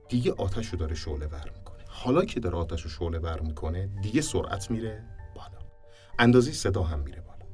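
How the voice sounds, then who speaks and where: Deep male voice teaching poetry recitation, heard slightly off-mic over faint music. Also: far from the mic. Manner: explains then demonstrates by reciting poetry with shifting loudness. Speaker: voice acting teacher. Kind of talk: recitation lesson. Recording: music underneath, somewhat off-mic.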